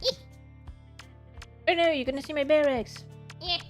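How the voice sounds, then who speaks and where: A native French-speaking woman with a French accent chats casually on a gaming livestream. Her voice is high and her pace moderate, with faint music behind her as she muses, rambles, and corrects herself along the way.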